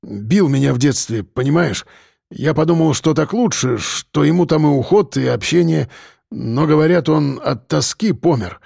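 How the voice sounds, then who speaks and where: A man voicing a rough, evasive middle-aged working man who grumbles and mumbles in halting speech. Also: a little high, a little mellow, dry recording, studio quality, full character voice. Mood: grumbling.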